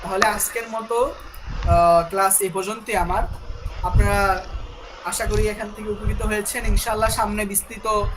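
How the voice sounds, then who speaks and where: A man teaching an online language lesson, slowly repeating phrases so learners can follow. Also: high-pitched, little pitch movement. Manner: slow repeating of phrases to drill them. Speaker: Arabic teacher. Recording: noisy background.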